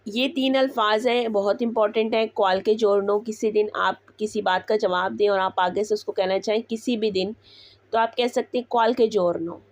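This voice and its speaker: A woman teaching Italian words, repeating each one slowly before explaining it. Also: mid-range voice, fairly even intonation, no room sound. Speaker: language teacher. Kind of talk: slow Italian vocabulary lesson.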